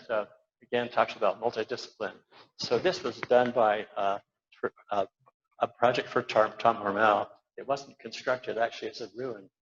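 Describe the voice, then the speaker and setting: In a lo-fi, dull-sounding recording from a lecture hall at an awards event, an older man with a mid-range, slightly bright voice lectures informally over slides. He's an architect, and he rambles, stumbling through fillers and restarts.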